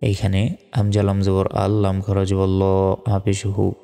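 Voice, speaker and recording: A man with a Bangladeshi Bengali accent teaching Quran reading, patiently spelling out syllables and then reciting the verses in a drawn-out way. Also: low-pitched, monotone, creaky, dark tone, long reverb tail. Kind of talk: slow spelled-out recitation lesson.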